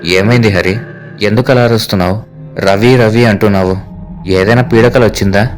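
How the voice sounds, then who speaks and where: A man's voice: on the low side, fairly even intonation, normal speed, soft background music, lightly acted. A man voicing a curious, uneasy young man in a horror story, speaking in a questioning way. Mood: concerned.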